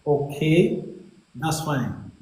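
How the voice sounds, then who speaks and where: Nigerian English male host, encouraging sales-pitch coaching, mellow tone, roomy echo, faint hiss. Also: lively intonation, very slow. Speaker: investment coach and livestream host. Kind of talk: live call-in coaching session. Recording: echoey room with faint hiss.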